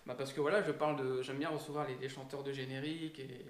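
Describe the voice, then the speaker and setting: A man hosting his channel, asking questions in a halting way with many fillers and repeated words. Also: mid-range voice, level tone, roomy sound. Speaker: YouTube channel host, interviewer. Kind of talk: casual interview.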